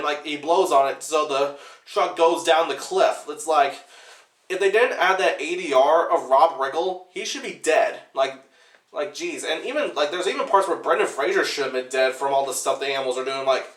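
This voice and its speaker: A man's voice: fairly high pitch, a bit bright, recorded from a distance. A young man giving rambling, unscripted movie-review commentary, filling his talk with "like". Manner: rambling, says "like" constantly. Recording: roomy sound from off-mic.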